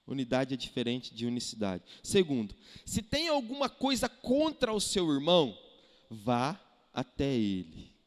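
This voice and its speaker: A Brazilian man preaching a sermon as pastor, animated, firing rhetorical questions and acting out quotes. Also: medium pitch, unhurried. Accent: Brazilian Portuguese. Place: church hall. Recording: echoey church hall.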